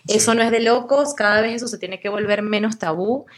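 With a slightly high voice and a brisk delivery, a young woman from Venezuela, an actress, chats casually during an interview. She spins lively stories and acts out the voices she quotes.

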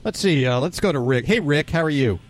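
A man's voice: a little high, expressive. A man hosting a pet radio show, chatty and upbeat, with casual restarts and filler words. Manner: upbeat, chatty, a bit halting.

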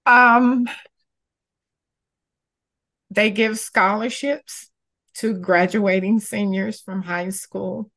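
A woman from Georgia answering interview questions conversationally, in a measured, deliberate way. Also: mid-range voice, fairly even intonation, a bit bright, low-quality recording. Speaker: interviewee, community campaigner.

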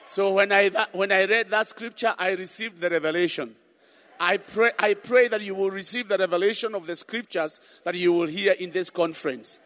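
A man's voice: high voice, normal speed, fairly bright tone. A middle-aged or older man preaching a conference sermon, emphatic and repeating phrases for effect, in a large echoing hall. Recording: echoing hall with long reverb.

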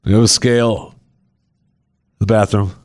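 A man's voice: lowish voice, flat delivery, moderate pace. A man co-hosting a casual chat show, reading odd news stories aloud, laughing often and putting on mocking voices.

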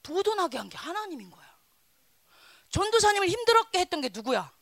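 A woman in her thirties preaching a children's sermon in a church, telling stories with sudden swings between loud and soft. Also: very high-pitched, very animated, fast, no room sound.

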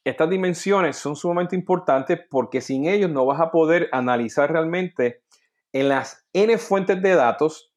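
Man, explanatory talk, tags lines with "ok?", middle pitch. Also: a little mellow. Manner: peppers sentences with "¿ok?" and "¿no?", restarts words. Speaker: data quality speaker.

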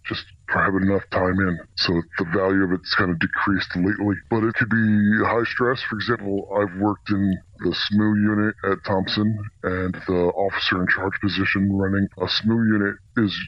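A man working as a corrections officer answers radio interview questions in a plain-spoken, halting way, his voice disguised to sound deeper. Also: level tone, no echo, muffled recording. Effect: voice disguised to protect anonymity, deepened. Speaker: corrections officer, senior officer specialist.

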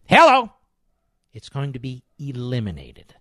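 Animated older American man delivering political commentary. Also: a little high, moderate pace, no room sound, clean studio sound. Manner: emphatic, rhetorical questions, sarcastic, repeats phrases for effect. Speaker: political talk show host. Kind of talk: impassioned political commentary monologue.

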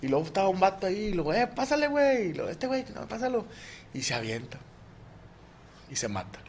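A Mexican man telling crude jokes casually among friends, full of slang and doing lively voices for the characters. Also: sits high, fast, a little hiss or hum. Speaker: joke teller.

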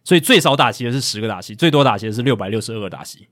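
Fast-talking Taiwanese host reading stats. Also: male voice, medium pitch, lively intonation, a bit bright. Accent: Taiwanese Mandarin. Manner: reads out stats, explains, with asides. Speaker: podcast host. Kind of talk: casual sports chat.

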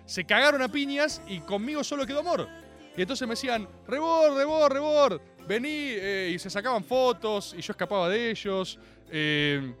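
Rioplatense male host, high lively voice, theatrical slangy rant, faint music behind. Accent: Rioplatense Spanish. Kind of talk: comic monologue.

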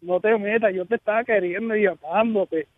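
A man calling in to a radio show, telling a story in a plain, halting way. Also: high voice, steady tone. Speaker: caller. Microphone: telephone. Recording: tinny phone line.

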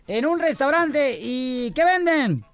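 A man's voice: very high voice, lively intonation, fairly bright tone, soft background music. A man hosting a comedy radio show, playful and teasing. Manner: playful, teasing, quick to laugh. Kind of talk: joking morning radio banter.

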